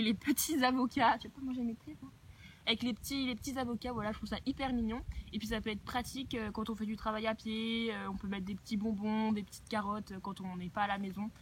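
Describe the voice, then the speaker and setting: Young woman, higher voice, chatty, enthusiastic, filler-heavy, noisy outdoor recording. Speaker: equestrian vlogger. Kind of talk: casual unboxing chat. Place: outdoors near horses.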